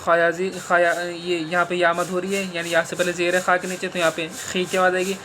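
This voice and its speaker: High-voiced male Quran teacher, spelling slowly. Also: monotone, pushed and bright, slight background noise. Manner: spells syllables slowly, then explains in quick bursts. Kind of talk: teaching Arabic letter sounds.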